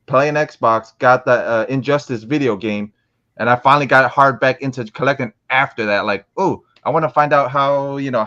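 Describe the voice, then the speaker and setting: Man, young adult, from Florida, casual interview guest, rambling, lots of restarts, mid pitch, muffled lo-fi audio. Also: fairly bright tone. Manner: rambling with many restarts and fillers. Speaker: interviewed guest, comic collector.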